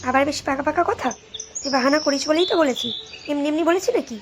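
A woman's voice: high-pitched, fast, slight background noise, lightly acted. A woman playing a nagging cartoon mom. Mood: scolding. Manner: nagging, scolding, then soothing. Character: scolding but caring young mother. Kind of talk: Bengali cartoon voice acting.

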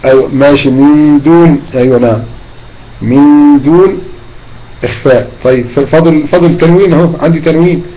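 Egyptian Arabic male teacher for an online Quran class, patient and demonstrative, warm low-key timbre. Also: fairly even intonation, low-quality recording. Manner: patient, drawn-out demonstration of recitation. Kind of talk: online tajweed lesson.

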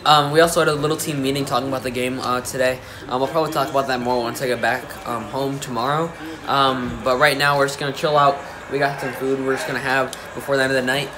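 With a crowd audible behind him, a young American soccer-playing vlogger speaks fast at medium pitch, level in tone and barely pausing. He films himself at arm's length on a phone or camera, indoors in a living room, hotel room, or busy venue.

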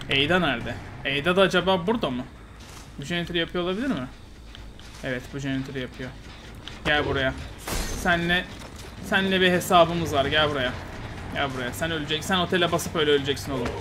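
A Turkish man giving heated, taunting commentary while playing a game, swinging between loud outbursts and muttering. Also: a little high, fast talker, long pauses, noisy background. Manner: excitable, frustrated, taunting, swings loud and quiet. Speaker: gaming YouTuber. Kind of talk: live gameplay commentary.

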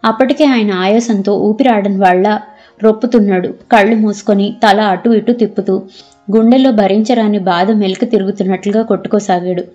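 Mellow-voiced woman narrating a novel. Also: mid-range voice, steady tone, brisk, soft background music. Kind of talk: scripted narration. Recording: slightly dull audio.

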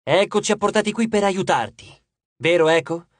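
A man's voice: sits high, moderate pace, no echo, voice pushed up. A man voicing a stern, impatient young heroine, speaking firmly and insistently. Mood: exasperated. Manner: firm, exasperated, insistent.

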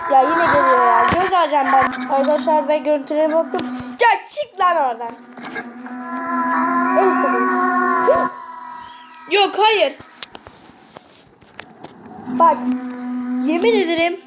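A woman's voice: high-pitched, measured pace, long pauses, very noisy. A woman commentating her horror game play, panicking, pleading with the monster and screaming when it comes close, with the mic held up to her ear. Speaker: gameplay streamer.

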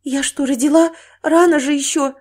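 A terrified young pregnant woman begs in a breathless, higher voice, as a woman narrator reads her part. The audiobook delivery stays close and tense. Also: steady tone, moderate pace, darkish tone, slightly rough. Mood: weak, fearful. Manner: panicked pleading, breathless.

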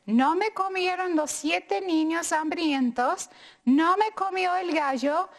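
A woman voicing a small, frightened runaway tortilla in a children's storybook, with high, loud, pleading cries. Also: slow, exaggerated voice. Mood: defiant.

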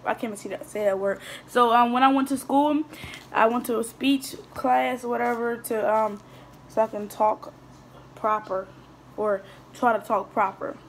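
A teen girl's slightly high voice stays steady at a moderate pace as she eats and chats through a mukbang, answering viewers' questions. Her talk wanders, full of fillers and restarts, sometimes through a full mouth, captured by a phone camera on the table in a small indoor room over a faint hiss.

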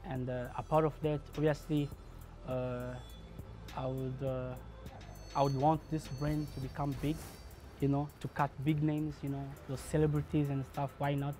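A man from Congo in his thirties, a barber telling his own story in a documentary interview, earnest and measured. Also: medium pitch, little pitch movement, mellow, soft background music. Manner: earnest, measured, acts out remembered dialogue. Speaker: barber and shop owner.

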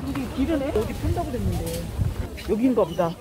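A woman's voice: on the high side, big pitch swings, a little fast, noisy background. A woman chatting casually to the camera through a face mask at an outdoor market. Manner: chatty, talking to herself and the camera. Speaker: vlogger. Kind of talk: casual vlog commentary while out skating and shopping.

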